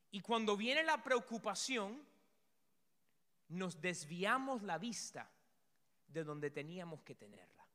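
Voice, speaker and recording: A male pastor preaching a sermon in an animated way, acting out story scenes and sometimes shouting. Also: high voice. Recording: long hall reverb.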